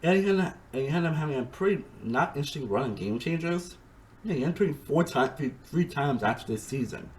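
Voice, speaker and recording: A man giving a casual, rambling review monologue, excitable, with frequent restarts and swearing. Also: on the high side, fast talker, rough recording. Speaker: reality TV reviewer.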